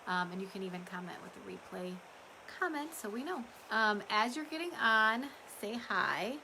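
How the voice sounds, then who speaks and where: On a low-quality livestream with slight background noise, a small business owner chats ramblingly with her customers at a normal speed. Her medium-pitched voice is pushed and bright with lively intonation, a little strained from all the talking.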